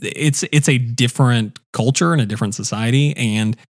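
A young man talking loosely on a podcast, circling his point through many "likes" and false starts. His voice sits at an ordinary middle pitch. The sound is dry and close, with no room around it. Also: moderate pace, no room sound. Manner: rambling, many fillers and restarts. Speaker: podcast co-host. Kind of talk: casual chat.

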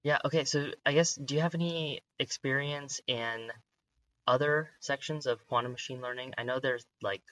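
A man's voice: mid-range voice, steady tone, moderate pace, pushed and bright, no echo, rough recording. A man hosting a podcast interview, asking curious, upbeat questions with frequent hesitations. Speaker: podcast host. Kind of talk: casual interview chat.

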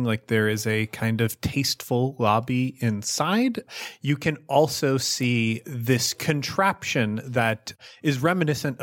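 A man acts as game master in a casual improvised tabletop game. He describes scenes conversationally and puts questions to his players. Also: medium pitch.

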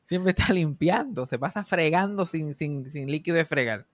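A man's voice: fairly high pitch, expressive, normal speed, no echo. A young man telling a funny family story in casual chat, swearing freely and slipping English phrases in.

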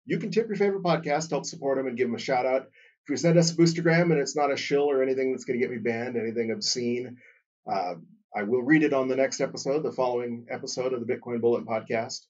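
A man with a husky, somewhat breathy voice hosts his solo podcast in a loose, chatty way. His pitch and loudness swing up with enthusiasm, then drop low again. The sound is dull and a little distant from the mic. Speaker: podcast host. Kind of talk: casual solo podcast talk.

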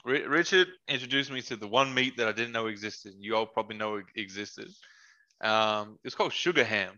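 A young man, a former basketball player, telling stories in a relaxed podcast chat and acting out what his friends said. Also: lowish voice, fairly quick, highs cut off. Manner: animated storyteller, quotes friends in their voices, laughs often. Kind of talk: casual podcast chat, storytelling.

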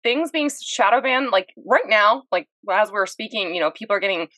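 A woman's voice: mid-range voice, animated, a little fast, sharp tone, no room sound. A woman hosting a podcast, asking questions in an upbeat, chatty way. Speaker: podcast host. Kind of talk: casual interview chat.

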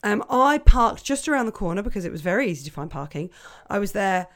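A woman's voice: medium pitch, very animated, fast. A woman co-hosting a podcast in casual chat, playful and teasing. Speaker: podcast co-host.

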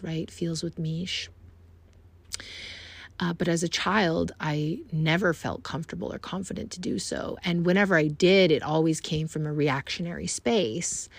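A woman's voice: deep voice, creaky, husky. A woman hosting a podcast from home, speaking in an earnest, reflective way and often addressing listeners directly as "you guys.". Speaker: podcast host. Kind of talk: casual self-help talk.

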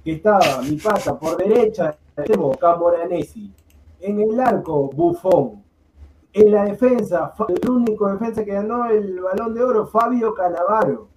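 High-voiced playful man in an echoey room. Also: moderate pace. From Peru. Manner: playful, chants names and sings snatches, shifts loudness a lot. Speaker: podcast co-host. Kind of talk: casual sports banter. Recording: echoey room with faint ambient noise.

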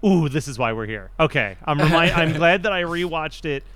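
Smooth-voiced man chatting about movies. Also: a little high, fairly bright tone, no room sound. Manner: quick, laughs often, acts out quoted lines. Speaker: podcast co-host. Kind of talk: casual movie podcast chat.

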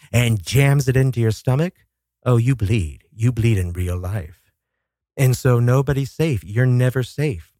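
Studio-clean with no room sound, this medium-pitched, dark-toned male host spins dramatic horror-movie tales on his casual solo show. He's coming down with a cold, tosses in chatty asides, and swears now and then.

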